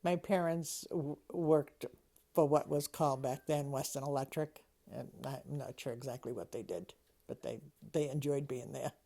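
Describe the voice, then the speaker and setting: A woman's voice: rumbling low, normal speed, dark tone. A woman in her seventies from Massachusetts with a Boston accent, speaking as an interviewee for an accent sample. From Massachusetts, United States. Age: 70s. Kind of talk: read-aloud word lists and sentences, then plain interview answers.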